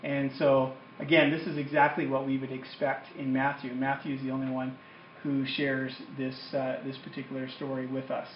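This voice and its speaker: A man's voice: medium pitch, monotone, moderate pace, a little hiss or hum. Man teaching in an echoey room. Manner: conversational, explanatory. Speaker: Bible teacher. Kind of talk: informal lecture. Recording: echoey room, dull lo-fi sound.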